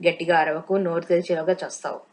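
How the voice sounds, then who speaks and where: A tough, commanding male intelligence agent, read by a woman narrator from an audiobook thriller. He keeps his words short and his threats quiet. The voice sits somewhat low. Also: level tone, quick pace, close to an everyday voice. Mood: menacing.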